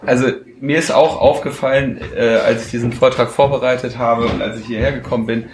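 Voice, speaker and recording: A man fields audience questions after his talk, speaking frankly but often pausing with filler sounds. His voice rings through an echoey lecture hall with faint noise behind it. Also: medium pitch, fairly even intonation. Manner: hesitant, many fillers, frank. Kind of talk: conference Q&A answers.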